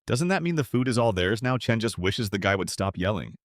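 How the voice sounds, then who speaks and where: A man narrating a comic story recap in a brisk, dramatic way with sarcastic asides. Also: fairly low pitch, sing-song, no echo, clean studio sound.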